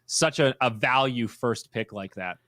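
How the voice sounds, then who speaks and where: A man casting a live esports match, talking quickly with animated, playfully sarcastic energy. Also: mid-range voice, no echo, studio quality. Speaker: esports caster.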